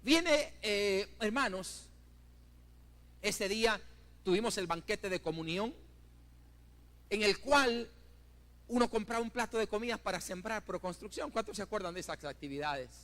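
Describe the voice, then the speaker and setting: A high-voiced middle-aged pastor preaches in a church with fervent storytelling. He surges to loud, emphatic peaks and drops to hushed asides, constantly turning to the congregation as brothers. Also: expressive, normal speed, long pauses. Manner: keeps addressing the congregation as brothers. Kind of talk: sermon. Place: church building.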